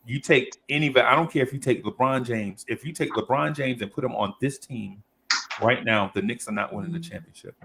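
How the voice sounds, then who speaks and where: A man's voice: mid-range voice, brisk, gravelly, a bit bright, a little hiss or hum. A middle-aged man in a casual podcast chat, talking emphatically and teasing the others. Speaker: podcast panelist.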